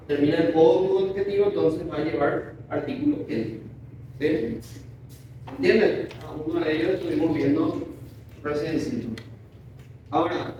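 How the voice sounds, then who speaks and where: A man teaching a grammar lesson, often stopping to check that his students follow with quick tag questions. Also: a little high, darkish tone, slight background noise. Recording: very echoey room, voice distant from mic.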